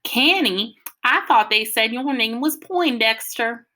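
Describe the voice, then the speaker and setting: A woman's voice: a little high, lively intonation, slow, pushed and bright, voice pushed up, full character voice. A woman voicing a chatty, friendly country boy from Arkansas with a rural Southern drawl. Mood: friendly, eager. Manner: eager, drawling, talks nonstop. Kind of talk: audiobook character voice.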